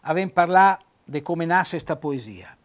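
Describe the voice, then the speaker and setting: A man's voice: fairly high pitch, lively intonation, normal speed. A man with a Trentino accent hosting a TV show and patiently explaining dialect words. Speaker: host, dialect teacher. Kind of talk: casual chat and dialect lesson.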